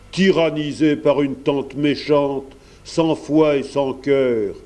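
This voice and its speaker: Kindly gentleman benefactor, mellow tone, unhurried storybook pace from a male reader. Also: fairly high pitch. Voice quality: gentle, reassuring. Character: kindly older gentleman painter, warm benefactor.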